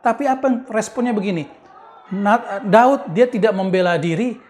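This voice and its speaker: A male pastor preaching at an online youth service, telling stories in a lively, casual way. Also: sits high, normal speed. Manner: lively storytelling preacher, casual slang mixed with English words.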